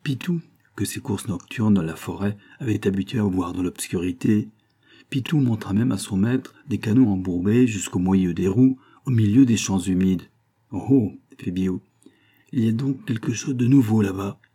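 A man reading a classic novel aloud as an audiobook narrator, steady and even, raising his voice when he voices the characters. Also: fairly low pitch, moderate pace, breathy edge.

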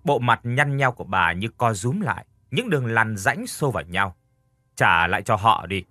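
A man narrating a spooky story in a scripted, expressive storytelling style. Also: medium pitch, no echo, clean studio sound. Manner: expressive, voices characters lightly.

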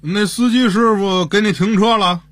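High-voiced man playing the father. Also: normal speed, a bit bright, no room sound. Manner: curious, prompting questions. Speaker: father in a family comedy sketch. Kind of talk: scripted radio comedy dialogue.

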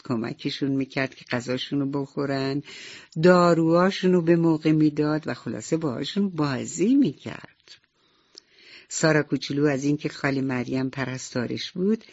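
A woman narrating a radio bedtime story, speaking directly and warmly to the children listening. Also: sits low. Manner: warm, addresses children directly. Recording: slightly dull radio recording, soft music behind.

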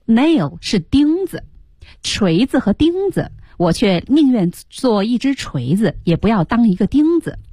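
A woman's voice: a little high, very animated, a little slow, warm tone, husky, no room sound, clean studio sound. A woman co-hosting an English lesson on radio, explaining song lyrics and humming bits of the melody. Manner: explains lyrics, hums and sings the melody in snippets. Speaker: radio English teacher and co-host.

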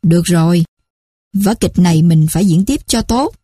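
A woman's voice: fairly low pitch, lively intonation, normal speed, warm tone, breathy edge, no echo, clean studio sound. A woman voicing a middle-aged man who pretends to be poor, sly in his thoughts and whining when he pleads. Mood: scheming.

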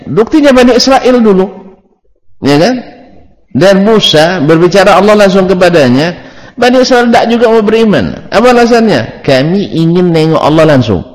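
Lively, joking male religious teacher. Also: high voice, in a large hall. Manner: joking, banters with the audience; asks questions and then answers them himself. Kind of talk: religious study lecture.

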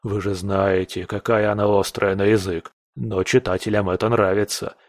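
A man voicing a servile, frightened male newspaper publisher in an audiobook, pleading and slow. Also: fairly low pitch, flat delivery, no room sound, studio quality, lightly acted.

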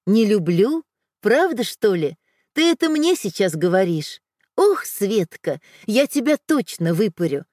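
A woman's voice: medium pitch, very animated, a little slow, a little mellow, dry recording, clean studio sound. A woman voicing firm, loving mother. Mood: firm tender. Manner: firm, scolding yet tender. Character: firm loving middle-aged mother, teasing and protective.

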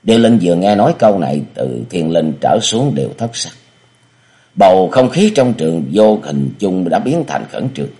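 A man narrating a martial-arts novel as an audiobook in steady storytelling. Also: deep voice, moderate pace.

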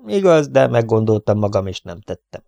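Férfi felolvasó hangján gúnyos, laza fiatal pisztolyhős. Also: male voice, lowish voice, very animated, gravelly, warm tone, dry recording. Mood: cool. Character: cocky, cool young man, gunslinger.

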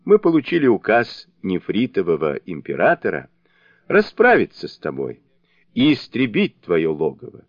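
Stern heavenly generals from an audio fairy tale, loud and commanding as they bark their orders, as a male narrator puts them on. The recording is dull and lo-fi, dry and close. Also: fairly low pitch, wildly swooping pitch, moderate pace, dry recording.

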